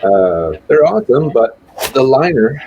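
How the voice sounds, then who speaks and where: A man's voice: mid-range voice, sing-song, unhurried, darkish tone, muffled recording, a little hiss or hum. A man from Switzerland giving his views in a casual live chat, hesitant and full of restarts. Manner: hesitant, many restarts and filler sounds. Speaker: guest rider on a live chat show.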